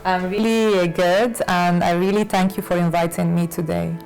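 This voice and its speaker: A woman fashion designer from Lebanon, raised in Latin America, answering interview questions with many pauses and fillers. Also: lowish voice, fairly even intonation, creaky, a little mellow, poor audio. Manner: hesitant, many fillers and restarts. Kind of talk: conversational interview.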